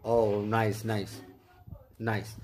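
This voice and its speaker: A man, practicing English in a halting, flattering way on a video call. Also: fairly low pitch, a little hiss or hum. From Bangladesh. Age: 20s. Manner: halting, repeats okay, flattering. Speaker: channel host practicing English. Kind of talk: casual chat.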